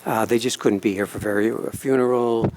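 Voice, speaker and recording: A man's voice: medium pitch, fairly even intonation, a little fast, darkish tone. A man making informal public remarks at a hearing, hesitant and repeating his words as he goes. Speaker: speaker giving testimony at a hearing. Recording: noisy room with clicks.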